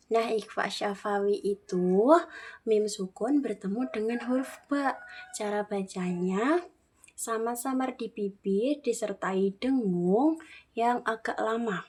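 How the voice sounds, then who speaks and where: A young woman with an Indonesian accent teaches a lesson on Quran recitation in a classroom with a whiteboard. She speaks slowly and clearly in a fairly high voice, modelling phrases for children to repeat.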